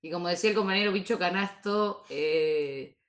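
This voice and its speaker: Una mujer que da su interpretación de una canción con frases formales y tono deliberado y serio en broma. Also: female voice, on the low side, roomy sound, muffled recording. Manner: earnest, deliberate, with stock formal phrases. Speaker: panelist on a parody radio show. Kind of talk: mock-formal song interpretation.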